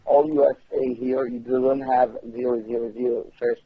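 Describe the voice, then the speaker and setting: A man's voice: mid-range voice, little pitch movement, normal speed. A man on a phone call who speaks in curt, broken English and swears a lot. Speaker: prank call target. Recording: dull phone line.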